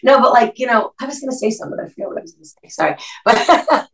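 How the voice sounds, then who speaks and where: A woman in her thirties with a New Jersey Italian-American accent, a podcast guest telling a story in an animated way and saying "like" a lot. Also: fairly high pitch, fast talker, vocal fry, far from the mic, low-quality recording. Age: 30s. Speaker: podcast guest, restaurant co-owner. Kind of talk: casual chat.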